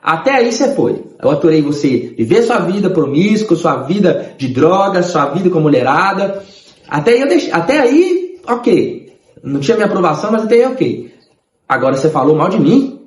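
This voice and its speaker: A man's voice: high voice, big pitch swings, moderate pace, echoey room. A man voicing the Holy Spirit as a stern divine voice that scolds a rebellious young man. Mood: scolding. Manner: reproachful, emphatic.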